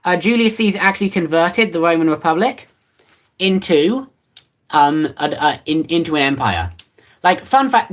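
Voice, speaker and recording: Casual streamer with an animated, up-and-down delivery. Rambles offhand, dry and teasing. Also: mid-range voice. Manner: rambling and offhand, many fillers and restarts. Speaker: livestreamer. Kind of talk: casual livestream chat, reading comments.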